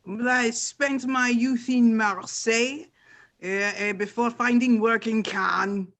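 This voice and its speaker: Brief: man plays a deadpan Frenchman, thick French accent, high bright voice. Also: slow, heavily acted. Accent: put-on French. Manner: deadpan, hesitant with filler sounds. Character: suave Frenchman, confident and deadpan. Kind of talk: improv comedy game.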